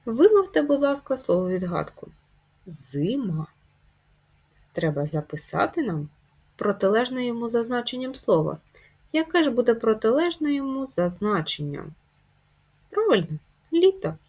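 A woman teacher giving a slow, deliberate lesson to young children, jumping up high on the key words. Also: very animated, a little mellow, breathy edge. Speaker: primary school teacher.

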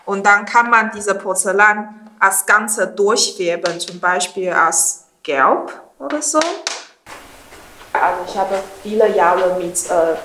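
A woman in her thirties from Taiwan, a ceramic designer explaining her work in careful, halting German with many fillers. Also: mid-range voice, pushed and bright, a little hiss or hum. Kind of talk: studio tour explanation. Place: indoor ceramics studio, small room. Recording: roomy studio echo.

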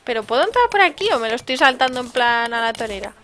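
Bright, excitable Spanish woman gamer. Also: a little high, fast, faint music behind. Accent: Spain Spanish. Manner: chatty and excitable, with sudden exclamations. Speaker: let's-play host. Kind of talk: casual gameplay commentary.

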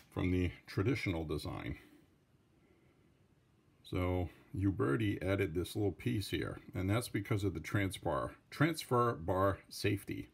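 A man's voice: sits low, creaky, husky. A Franco-American man with a French-Canadian accent, giving a casual hands-on tutorial with rambling, defensive asides. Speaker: hobbyist revolver tinkerer.

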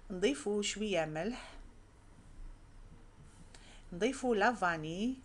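A woman's voice: mid-range voice, lively intonation, takes it slowly. A woman with an Algerian Arabic accent hosting a cooking tutorial, talking viewers through each step in a friendly way and calling them sisters. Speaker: cooking channel host.

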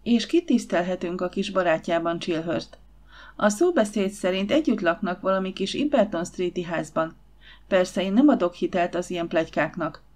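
A woman's voice: on the low side, darkish tone, natural voice. A gossipy Victorian society lady, voiced by a woman in an audiobook, dripping with insinuation. She speaks with a snide, knowing edge.

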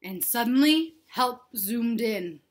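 A young adult teacher or read-aloud host shares a picture book with young children from her living room. Her voice is a little high with lively intonation and a slow pace, and she reads expressively, tossing in simple questions for her listeners.

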